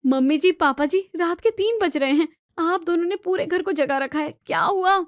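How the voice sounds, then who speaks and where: A woman's voice: very high-pitched, moderate pace, no room sound, clean studio sound. A woman voicing an exasperated young daughter-in-law who scolds her in-laws about their health. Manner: scolding, worried.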